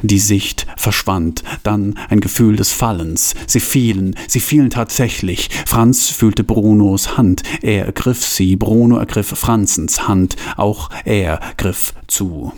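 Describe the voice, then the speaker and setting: A man reading his own absurd story aloud in a deadpan manner, with drawn-out pauses. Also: lowish voice.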